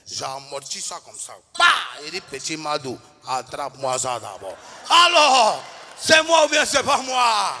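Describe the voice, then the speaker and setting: Ivorian male comedian on stage, bright cutting voice, acts out characters loudly. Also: high voice, a little slow, slight background noise. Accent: Ivorian French. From Ivory Coast. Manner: animated, acts out characters and shouts punchlines. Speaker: stand-up comedian. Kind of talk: stand-up comedy routine.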